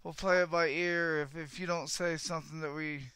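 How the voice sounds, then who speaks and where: A man's voice: fairly high pitch, steady tone, moderate pace, bright, forceful tone, clean tone. A man hosting an interview show, chatting casually and rambling, often repeating words as he goes. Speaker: host.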